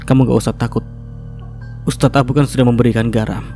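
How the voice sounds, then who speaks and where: A man voicing a worried, gentle mother who reassures her frightened daughter. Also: mid-range voice, steady tone, fast, soft background music, natural voice. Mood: soothing. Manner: soothing, reassuring.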